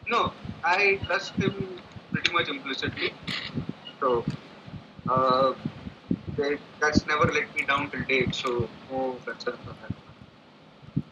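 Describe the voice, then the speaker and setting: A man's voice: a little high, very animated, slow pace, long pauses. Hesitant man over a laptop speaker. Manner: hesitant, thinking aloud with many restarts. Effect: voice coming through a laptop speaker on a call. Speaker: client giving a testimonial. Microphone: laptop on a remote call. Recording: muffled lo-fi call audio with background noise.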